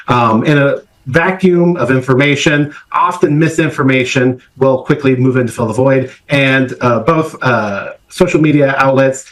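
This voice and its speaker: A middle-aged man speaks as an academic guest in a news interview, weighing his words carefully. His pitch sits in the middle range for a man. He pauses often with "uh" and "um" as he builds his points. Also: fairly bright tone, poor audio. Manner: measured, academic, many "uh" and "um" fillers. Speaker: political science professor, interview guest.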